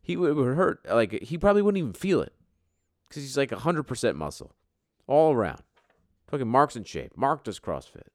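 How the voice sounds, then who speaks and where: A man's voice: mid-range voice, very animated, fairly quick, darkish tone, dry recording, clean studio sound. A man hosting an informal fantasy sports top ten countdown show, with profane, bro-style trash talk. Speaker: fantasy football league show host.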